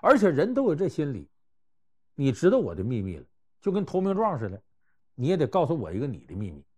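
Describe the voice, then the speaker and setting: A man telling historical and everyday anecdotes to give life advice, conversational and animated, swinging between loud and hushed. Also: a little high, fast talker, breathy edge. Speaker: storyteller giving life advice. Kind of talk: anecdotal storytelling talk.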